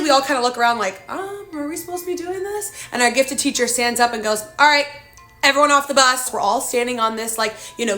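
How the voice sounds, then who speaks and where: A young woman telling a spooky story in a chatty, animated way, full of casual fillers. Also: fairly high pitch.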